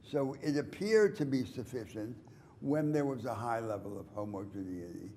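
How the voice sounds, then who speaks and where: A man lecturing a class at an even middle pitch, laying out his argument in measured, deliberate steps and lifting his voice for emphasis. A faint hiss of noise sits under the recording. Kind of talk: university lecture. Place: lecture hall.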